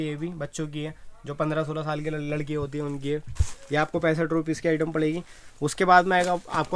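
A young man who owns a wholesale shop, showing his goods and quickly rattling off prices while agreeing often. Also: a little high, slight background noise. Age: young adult. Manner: rapid salesman patter, rattles off prices; repeats "haan ji" agreement. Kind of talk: product walkthrough. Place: cramped indoor bag shop.

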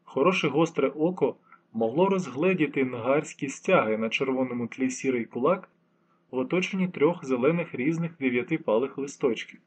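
A man reading a fantasy novel aloud as an audiobook narrator, in steady storytelling. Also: medium pitch, moderate pace, breathy edge. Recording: dull lo-fi recording.

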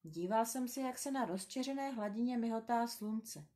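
A woman narrates a children's story in a calm, tender reading. Her voice sits a little high and moves gently and slowly through the sentences.

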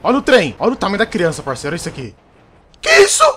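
Hyped Brazilian gamer, high and lively. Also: male voice, racing. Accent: Brazilian Portuguese. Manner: hyped, slangy, shouts at the screen. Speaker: gaming youtuber. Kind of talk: excited let's-play commentary. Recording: game music playing under voice.

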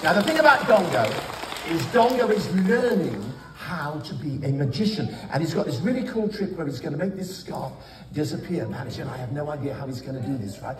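An older English man working as a kids' party magician, with lively, swooping delivery. He teases and instructs children in playful, theatrical stage patter. He is heard from far off in an echoey, noisy hall. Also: a little high, a little fast. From England. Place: large wood-panelled indoor council chamber. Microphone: audience phone camera from several metres. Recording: echoey hall, distant phone, noisy young audience. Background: crowd of children and adults.

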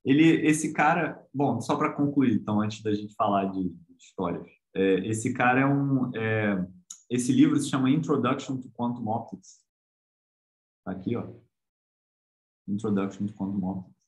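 A man with a Brazilian Portuguese accent teaching physics in an informal online class. His voice sits a little low. He keeps things conversational, hesitating often and checking in with tag questions. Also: measured pace. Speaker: physics lecturer.

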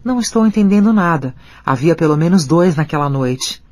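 A man's voice: on the high side, expressive, brisk, a little mellow, no room sound, natural voice. A man voicing a frightened lost boy. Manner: pleading, near tears.

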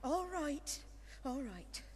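An actress playing an earnest, soft-hearted village woman in a video game, pleading gently. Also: high voice, very animated, slow pace, heavily acted.

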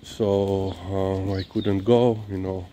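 A dog owner and vlogger with a Slovenian accent rambles through a casual walk-and-talk vlog outdoors, speaking slowly and haltingly and often saying "you know." His voice is deep, level and mellow. Outdoor ambience is clearly noisy, with vehicles audible.

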